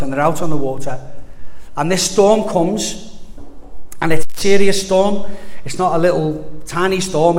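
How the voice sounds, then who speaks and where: An earnest man preaches in a chatty, heartfelt way, circling back and restarting phrases as he goes. His voice sits a little high for a man. A long reverb trails every line, as in a large church hall. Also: darkish tone. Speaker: pastor. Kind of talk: sermon.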